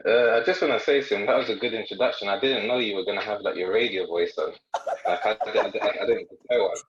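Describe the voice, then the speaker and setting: Man guest, joking and chatty, lowish voice, roomy dull recording. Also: quick pace. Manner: joking, self-deprecating, chatty with restarts. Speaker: podcast guest, coach. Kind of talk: podcast conversation.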